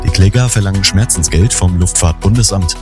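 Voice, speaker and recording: A man's voice: sits low, a little fast, over music. A man presenting a regional news update on the radio.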